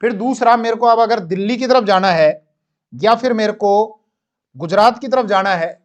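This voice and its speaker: A man teaching a history lesson in a classroom style. He explains as he goes, with asides and quick self-corrections, and speaks. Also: high voice, muffled recording.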